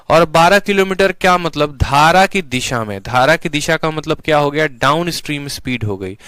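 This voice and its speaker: A man's voice: fairly high pitch, fairly bright tone, clean tone, no echo. A man teaching an exam-prep maths lesson online, explaining step by step and putting questions to his students before answering them himself.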